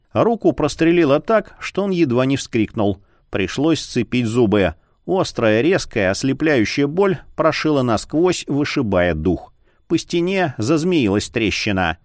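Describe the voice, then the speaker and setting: Brief: male fantasy audiobook narrator, animated pitch, dry close mic. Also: no echo. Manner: expressive, lively storytelling.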